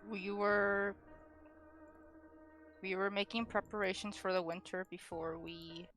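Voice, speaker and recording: A woman's voice: mid-range voice, level tone, a little slow, a bit bright, faint music behind. A woman improvising in character as a player in a tabletop game, hesitant and formally worded. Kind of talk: improvised in-character role-play.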